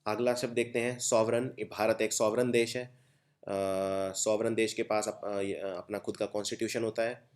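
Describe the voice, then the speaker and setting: A man's voice: lowish voice, little pitch movement, moderate pace, a little mellow. Indian man spelling words aloud. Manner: explains step by step, spells words out letter by letter. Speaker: teacher. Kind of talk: exam-prep vocabulary lesson.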